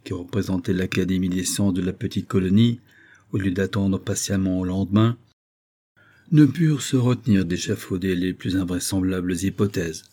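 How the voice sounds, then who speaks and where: A man narrating an audiobook in a measured, expressive reading. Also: sits low, breathy edge.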